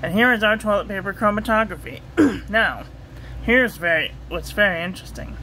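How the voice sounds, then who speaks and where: A woman reviewing ink and paper at a home desk, talking through a steady, repetitive checklist and getting excited about the ink colors. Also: mid-range voice, normal speed, slight background noise, low-quality recording. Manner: enthusiastic over ink colors. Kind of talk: casual product review voice-over.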